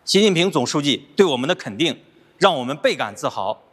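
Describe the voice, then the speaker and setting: Husky, higher-pitched man giving a statement. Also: big pitch swings, brisk, fairly bright tone. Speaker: award-winning skilled construction worker interviewee. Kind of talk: prepared formal statement.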